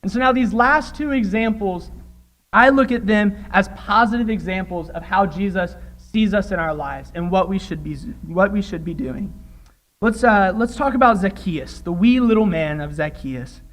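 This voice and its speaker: A man's voice: sits high, normal speed, fairly bright tone, low-quality recording. A young man preaching a sermon in church, reading scripture aloud and retelling it earnestly. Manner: earnest, acts out quoted voices while retelling.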